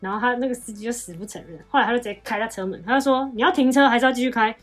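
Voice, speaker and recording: A woman co-hosting a casual chat, telling a lively anecdote with quoted dialogue. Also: on the high side, rapid-fire. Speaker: podcast co-host.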